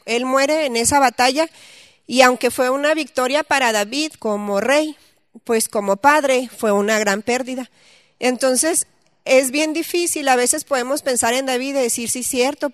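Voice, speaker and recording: A woman's voice: sits high, steady tone, normal speed, no echo, clean studio sound. A woman teaching a Bible study, reading scripture aloud and then explaining it conversationally with questions to her listeners.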